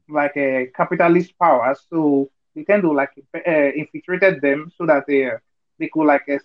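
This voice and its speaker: A Nigerian man takes part in an online group discussion, arguing his point earnestly in a fairly high voice and often pausing to check that everyone follows. He leans on fillers and rhetorical checks, and the compressed video-call audio sounds dull and lo-fi.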